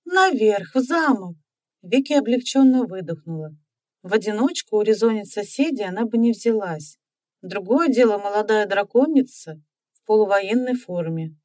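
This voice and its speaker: A woman narrating an audiobook in a calm, even reading manner. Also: mid-range voice, moderate pace, no echo. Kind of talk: scripted narration.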